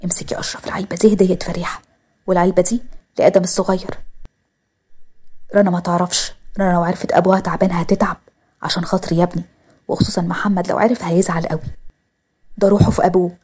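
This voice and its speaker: A woman voicing a worried older mother who quietly pleads with her son to keep a secret. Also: fairly low pitch, flat delivery, fast, pauses often, husky. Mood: pleading.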